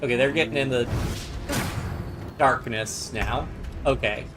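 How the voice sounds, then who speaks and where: A man streaming a game, chatting casually and thinking out loud about his moves, with game music behind. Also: mid-range voice, a little slow, noisy background. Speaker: gaming streamer. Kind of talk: casual gameplay commentary.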